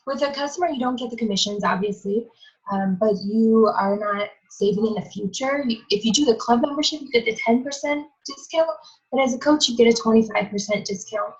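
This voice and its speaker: A woman's voice: a little high, a little fast. Hesitant woman coach on a dull video call. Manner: hesitant, apologetic, laughs. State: losing her voice. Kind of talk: casual webinar presentation.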